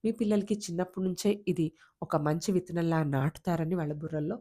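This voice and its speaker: A woman storyteller with an animated, conversational delivery, narrating a folk tale for children. She rises and falls expressively with the action, then settles into earnest advice for parents. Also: lowish voice, fairly quick. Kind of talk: storytelling with moral talk.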